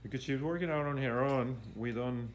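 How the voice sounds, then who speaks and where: Guy trainer explaining exercises, stumbles and repeats a bit, normal pitch, echoey gym. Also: normal speed. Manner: hesitant, repetitive, instructional. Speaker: fitness coach. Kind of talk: live exercise demonstration commentary. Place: indoor gym. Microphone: handheld camera operated by the speaker. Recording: echoey room, faint background noise.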